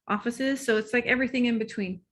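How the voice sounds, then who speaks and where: Talking fast in a voice on the high side, this woman is a relationship coach being interviewed casually. She gets excited easily, laughs a lot and occasionally loses track of what she was saying.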